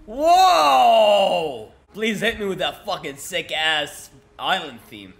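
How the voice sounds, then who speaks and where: A young man streaming a video game, reacting loudly with laughter, constant swearing and excited shouts. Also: fairly high pitch, measured pace. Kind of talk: live gameplay reactions.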